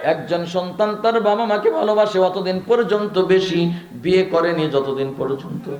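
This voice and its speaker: A man's voice: high-pitched, moderate pace, a little mellow, roomy sound. A man preaching an emotional sermon, rising and repeating phrases and chanting verses in a melodic sing-song.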